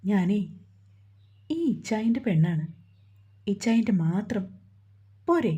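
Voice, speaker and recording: A gentle, sorrowful young woman in a romantic storybook, speaking softly, as a woman reads her lines. The voice is very husky and breathy, with a dark, mellow tone on a dull lo-fi recording. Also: medium pitch, expressive, takes it slowly, heavily acted. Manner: soft, sorrowful.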